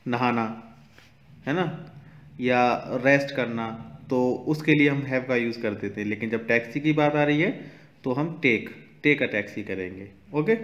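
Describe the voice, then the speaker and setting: A male teacher going through a children's English textbook exercise, reading the English lines slowly and then explaining them quickly in Hindi. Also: mid-range voice. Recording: dull, echoey room recording.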